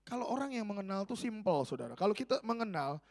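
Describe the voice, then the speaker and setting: Middle-aged male pastor, high voice a slight rasp, animated, playful sermon delivery. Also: fast talker. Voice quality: slightly raspy voice. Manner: animated, joking, swings between loud and soft.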